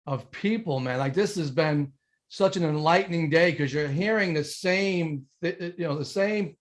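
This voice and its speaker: A man's voice: fairly high pitch, normal speed. A man hosting a casual interview, enthusiastic and hyped, tossing in "baby" and "my man". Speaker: host.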